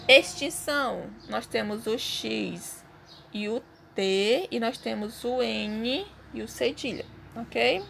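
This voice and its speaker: A woman's voice: fairly high pitch, animated, slow pace, creaky, a bit bright, a little hiss or hum. A Brazilian woman teaching a Portuguese lesson, patiently explaining step by step and often checking in with her students. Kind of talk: recorded online class.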